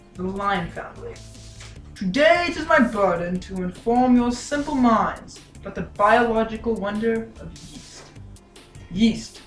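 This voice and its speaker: A woman's voice: medium pitch, distant mic, close to an everyday voice. A young woman voicing a haughty, scornful male cat scientist who talks down to humans, in a student project skit. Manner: condescending, mocking humans. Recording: echoey room, from afar, faint music.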